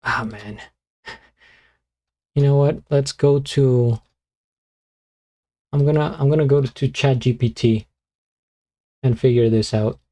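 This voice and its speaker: A man streaming live, chatting casually and muttering to himself as he fiddles with his streaming software. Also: medium pitch, steady tone, a little slow, pauses often. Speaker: beatbox streamer.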